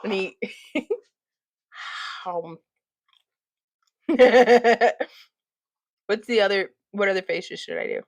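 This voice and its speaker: A woman's voice: mid-range voice, extremely slow, creaky, long pauses, no echo, poor audio. Giggly chatty woman, dry close sound. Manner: giggly, chatty, laughs often. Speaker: craft vlog host. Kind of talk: casual chat. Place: at home.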